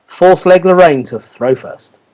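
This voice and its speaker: A man's voice: high voice, unhurried, a little mellow, poor audio. A middle-aged man working as referee and score caller in a darts match, announcing legs and required scores. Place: indoors on a video call.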